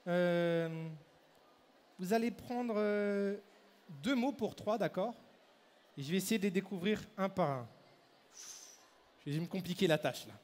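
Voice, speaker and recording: A man performing a live mind-reading act, briskly directing the audience and volunteers on stage through a handheld microphone. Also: high voice, darkish tone. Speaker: stage mentalist. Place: large hall at a fair. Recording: echoey hall, faint crowd ambience.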